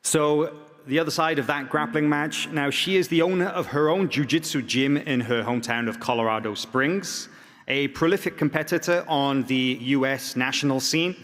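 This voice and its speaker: A man's voice: fairly high pitch, moderate pace, a bit bright. Man hosting a press conference in an echoey hall. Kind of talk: announcing and introducing athletes.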